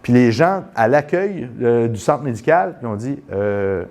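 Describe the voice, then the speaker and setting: This is a man with a Quebec French accent, pitched right in the middle of the male range. He talks in a loose, animated way, tumbling through restarts as he tells his story. He also coaches someone through a hands-on postural test. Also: a little slow. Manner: animated, rambling with many restarts. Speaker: postural therapist. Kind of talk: casual storytelling and live demonstration.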